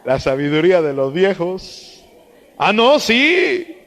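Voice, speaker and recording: A young preacher, telling stories and urging his listeners in a high voice. His sermon carries a long hall reverb. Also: sing-song, slow, fairly bright tone, a little hiss or hum. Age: young adult. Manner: earnest, storytelling, exhorting.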